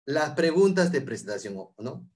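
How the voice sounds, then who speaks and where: A man explaining English interview phrases, repeating each one slowly and clearly. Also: a little high, big pitch swings, darkish tone. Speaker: English teacher guest.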